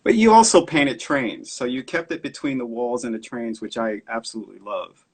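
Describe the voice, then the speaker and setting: Male host, husky, eager, rambling questioner on a video call. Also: medium pitch, normal speed. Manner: enthusiastic, asking long rambling questions. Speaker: interviewer host. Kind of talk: interview over video call. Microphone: laptop webcam on a video call.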